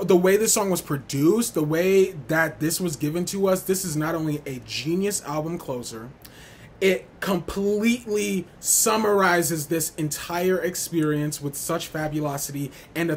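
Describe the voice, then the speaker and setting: A man's voice: a little high, a little slow, a little hiss or hum. A man ranting wildly and casually as a music reviewer, sassy and slangy, swearing and repeating himself for emphasis. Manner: wild, over-the-top ranting with emphatic repetition. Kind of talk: unhinged casual rant ranking album tracks.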